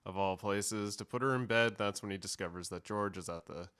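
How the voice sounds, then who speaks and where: A man's voice: fairly low pitch, brisk, fairly bright tone, clean tone. A man hosting a podcast, casually recapping a film in a wry, informal way. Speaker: podcast host.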